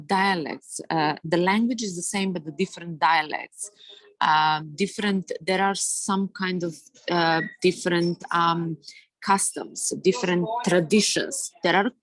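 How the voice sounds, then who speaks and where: A woman from Serbia with a Serbian accent, speaking on a webinar panel in a halting way with many fillers and restarts. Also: lowish voice, dry recording. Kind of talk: webinar discussion. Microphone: video call.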